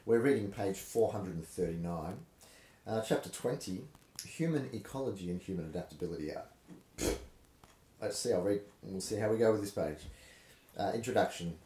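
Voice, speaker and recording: A man's voice: low-pitched, normal speed, warm tone. An Australian man in his forties who moves between casual chat and a playful, rhythmic dramatic reading aloud. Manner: sing-song rhythmic emphasis when reading. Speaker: presenter reading aloud from a textbook. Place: small home study, indoors. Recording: roomy indoor camera sound.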